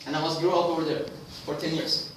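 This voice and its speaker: This Pakistani man in his 20s speaks quickly and flatly, his fairly high voice a bit bright, as he presents a prepared personal speech to his club. He restarts phrases and asks the audience questions. Captured by a distant mic in a very echoey meeting room, with slight background noise.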